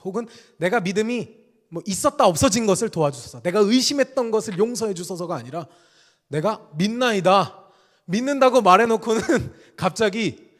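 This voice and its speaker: A man preaching a sermon in earnest, swinging between loud emphatic lines and quiet low asides. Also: big-room sound. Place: church sanctuary.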